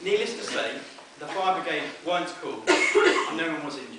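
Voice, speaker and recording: A man's voice: a little high, sing-song, fairly quick. Best man, young, reading a wedding speech; distant, heavily reverberant, noisy recording. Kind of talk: wedding speech, read from notes. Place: inside a wedding venue, speaking to guests. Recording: roomy echoing, noisy, distant event recording.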